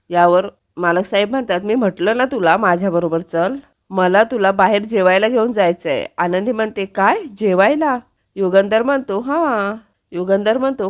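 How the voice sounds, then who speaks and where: A woman with a Marathi accent reads out a recap of a TV serial episode at a mid pitch. She delivers the narration and all of the characters' lines in her own plain voice, without acting them out.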